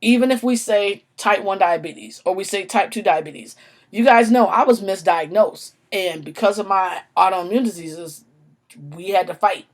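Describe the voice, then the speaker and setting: A woman's voice: mid-range voice, moderate pace. A woman vlogging to her viewers in a casual, impassioned, rambling way, unwell and stuttering at times, with restarts and apologies. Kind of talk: casual direct-to-camera vlog.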